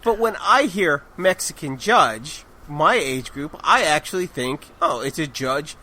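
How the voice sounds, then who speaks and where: A young man jumps into a podcast chat with quick, joking remarks. His voice sits a little high and sounds bright, with lively swings of pitch and a faint hiss behind. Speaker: podcast co-host. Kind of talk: casual chat.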